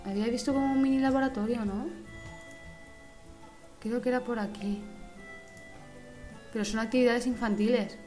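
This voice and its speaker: Excitable Spanish woman gamer, sweary. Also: a little high, moderate pace, long pauses. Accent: Spain. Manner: excitable, swearing, breaks into silly singing. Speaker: gaming host. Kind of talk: let's play commentary. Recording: game music playing behind the voice. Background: game music.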